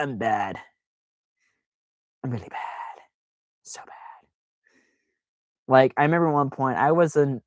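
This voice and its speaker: A man's voice: medium pitch, no room sound. Rambling man hosting a chill stream. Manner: rambling, self-deprecating, filler-heavy. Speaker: live stream host. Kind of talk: casual live stream chat.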